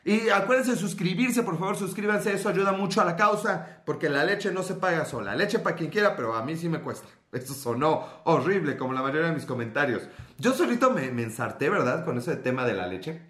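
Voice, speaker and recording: A man's voice: on the high side, expressive, a little fast, fairly bright tone. Joking Mexican man with a slangy chat voice. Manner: slangy, joking, swearing, mock accents. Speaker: streamer. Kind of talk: casual live-stream chat. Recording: echoey room.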